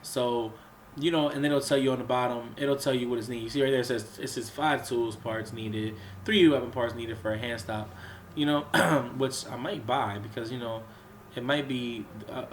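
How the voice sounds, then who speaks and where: A gaming channel host with a cold rambles through a casual gameplay walkthrough at normal speed, full of fillers and restarts, coughing and clearing his throat between phrases. His average-pitched voice sounds a little off from the illness, and a faint hiss runs under the recording.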